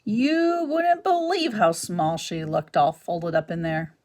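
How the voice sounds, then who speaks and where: Woman reading as a big friendly otter lady, chatty and a bit loud, storybook. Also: on the low side, slow. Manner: bright, chatty, friendly delivery. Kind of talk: reading a children's novel aloud.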